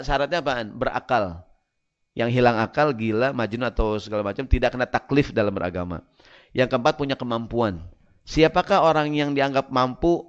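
A man's voice: medium pitch, dull audio. A man preaching a sermon to a congregation, joking and asking the crowd questions.

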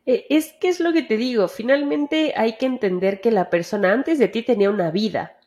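A woman's voice: fairly high pitch, normal speed, a little mellow. A woman with a Mexican Spanish accent in casual chat, talking candidly with lots of slang and swearing, acting out bits of dialogue. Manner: acts out quoted dialogue.

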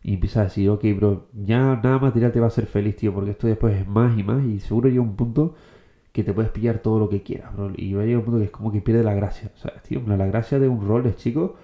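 A young man from the Canary Islands giving a casual motivational monologue, slangy and quick, forever dropping "tío" and "bro". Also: fairly low pitch, steady tone, phone-quality sound. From Canary Islands, Spain. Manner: slangy, fast, keeps saying "tío" and "bro". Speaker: motivational content creator.

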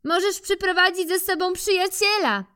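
A woman voicing an eager, persistent female squirrel in a children's storybook reading, in a high, bright, coaxing voice. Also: normal speed. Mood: cheerful.

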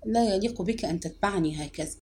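A woman's voice: medium pitch, lively intonation, very fast, warm tone, a little hiss or hum, natural voice. A woman reading as a curt, impatient young woman. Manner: curt, annoyed. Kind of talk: audiobook reading.

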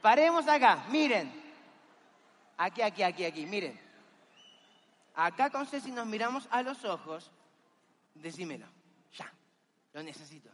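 A man's voice: high voice, very animated, normal speed, long pauses, a bit bright, long reverb tail, slight background noise. A man giving a motivational talk in an auditorium, coaxing and exhorting the audience with energy. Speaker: motivational seminar speaker.

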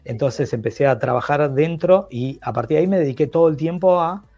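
With a slightly high, mellow voice and a fairly quick pace, a middle-aged Portuguese-speaking man from Brazil guests on a podcast. He is enthusiastic in the casual interview, drifting from point to point and restarting sentences frequently, and the sound is lo-fi.

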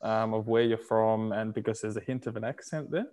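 A male interview host asks long, loose questions packed with fillers in a casual chat. His voice is on the low side and a little mellow, with fairly even intonation and a slightly fast pace.

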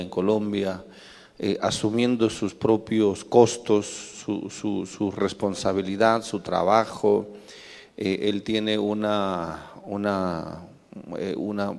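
A man's voice: fairly low pitch, creaky, darkish tone. A male pastor addresses his church informally, hesitating and repeating words. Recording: echoey hall with long reverb.

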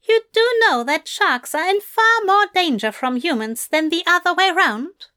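A woman voicing a fussy, fond male angel who speaks in a genteel, prim and gently teasing way. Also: very high voice, animated, unhurried, voice pushed up, full character voice.

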